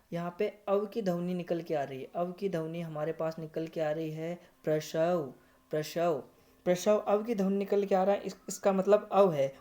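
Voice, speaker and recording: A man's voice: sits high, dark tone. A male teacher giving a screen-recorded grammar lesson. He repeats words, keeps addressing viewers as friends and corrects himself as he goes. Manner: corrects himself mid-explanation. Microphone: screen recorder app.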